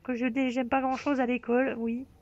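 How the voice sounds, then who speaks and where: A man's voice: very high-pitched, level tone, brisk, muffled recording, a crowd in the background. A teenage boy hosting a casual chat, rambling and self-mocking as he talks. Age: teen. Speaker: YouTuber host. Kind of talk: casual chat over voice call.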